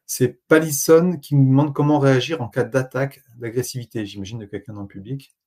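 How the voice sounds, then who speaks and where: A man's voice: medium pitch, steady tone, fairly quick, dark tone. A man co-hosting a webinar, sharing his experience modestly in casual, hesitant speech. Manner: modest, conversational, hesitant fillers. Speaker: webinar co-host.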